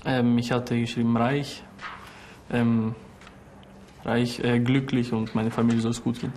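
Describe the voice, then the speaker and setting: A man's voice: mid-range voice, little pitch movement, a little slow, darkish tone, a little hiss or hum. A teenage boy in a youth program, answering interview questions hesitantly with fillers. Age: teens. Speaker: program participant.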